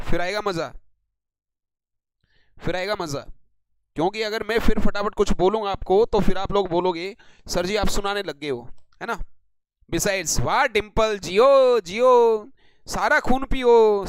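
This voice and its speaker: A man's voice: high voice, a little hiss or hum, rough recording. A man teaching English grammar in a live online class, playfully teasing and drilling students by name.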